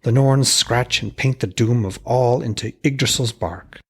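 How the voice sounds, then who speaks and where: A man's voice: mid-range voice, measured pace, slightly rough. A man voicing a hearty, deferential and inquisitive smith in a dramatised reading of a myth tale. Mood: insistent. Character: hearty, respectful, eager male smith, a family man.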